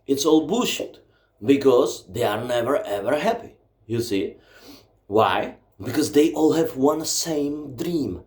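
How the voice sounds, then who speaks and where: Speaking from his home library, a native Czech speaker with a noticeable accent delivers an emphatic, profanity-laced rant for his book vlog. His voice is medium in pitch with a darkish tone, and the room gives it an echo.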